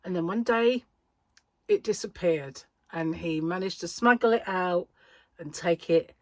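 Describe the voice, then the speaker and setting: A British woman with a slightly low voice talks in a casual, meandering vlog style. She has a slight speech impediment, so the odd word does not form cleanly. The sound is close and dry, and her manner is chatty and self-deprecating. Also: unhurried, a little mellow, no echo. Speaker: crochet vlogger and yarn shop owner. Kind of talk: casual rambling vlog chat.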